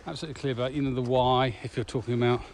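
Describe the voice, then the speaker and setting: Recorded outside on a walk, with traffic faintly audible, a man co-hosting a podcast, who works as a corporate trainer, talks in a relaxed, reflective way. His mid-range voice barely moves in pitch, and he races through his words.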